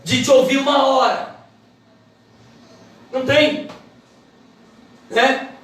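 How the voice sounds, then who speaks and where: A woman giving a church Bible lesson, quick and emphatic in her delivery. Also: sits high, fairly even intonation. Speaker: Bible teacher. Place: church hall. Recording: echoey hall, mic from far off.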